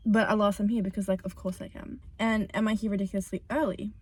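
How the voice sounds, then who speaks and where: A woman's voice: mid-range voice, little pitch movement, fast talker, breathy edge. A young woman vlogging casually to camera, rambling with lots of fillers and self-mocking asides.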